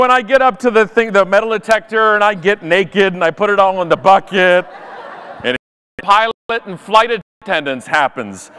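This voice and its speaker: A man's voice: sits high, fairly bright tone, clean tone. A man from Canada giving a comedic storytelling talk on a live event stage, exaggerated and full of sarcastic asides and mock voices. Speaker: conference speaker.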